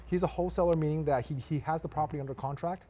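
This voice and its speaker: A man's voice: fairly high pitch, fairly even intonation, racing, mellow, a little hiss or hum. A man, a real estate investor, talking emphatically in a casual podcast conversation, repeating his points for effect.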